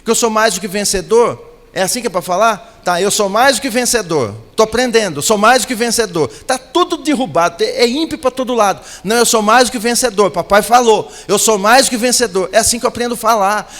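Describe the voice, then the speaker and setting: A man's voice: sits high, fairly quick, fairly bright tone, in a large hall. A man preaching a sermon as pastor, building to emphatic, repeated declarations.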